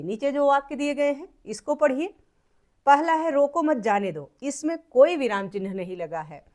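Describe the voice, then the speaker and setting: A woman teacher giving a classroom lesson to children, explaining step by step and rephrasing each point in simpler words. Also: high voice.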